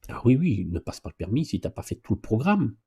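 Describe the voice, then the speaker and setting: Husky-voiced chatty male driving instructor. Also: medium pitch, fairly quick. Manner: familiar, chatty, addresses viewers informally; lively exclamations and playful asides. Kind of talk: casual live Q&A driving lesson.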